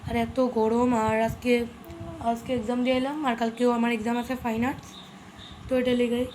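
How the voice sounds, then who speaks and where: Young woman vlogger, quick, flat-toned chatter, phone mic at home. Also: on the high side, a little hiss or hum. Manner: chatty, often speaks softly. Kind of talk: casual home vlog. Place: at home, indoors.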